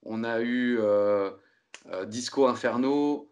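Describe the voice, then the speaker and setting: A man hosting a podcast, chatting casually in a relaxed way with many hesitations. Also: medium pitch, slow pace, smooth, dull audio. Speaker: podcast host.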